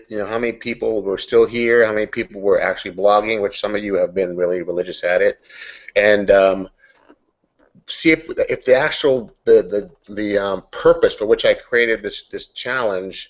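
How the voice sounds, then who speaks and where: Low-voiced man rambling on a dull webcam call. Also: normal speed. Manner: rambling, searches for words with many restarts. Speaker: host of a coaching call. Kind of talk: casual online coaching hangout. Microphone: computer mic on a video call.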